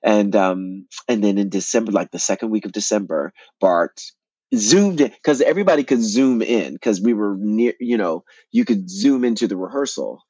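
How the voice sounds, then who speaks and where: Guy telling his story on an interview, kinda low voice, keeps restarting, bit muffled recording. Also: moderate pace, slightly rough, no room sound. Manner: animated, repeats words and restarts often. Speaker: guest, actor and playwright.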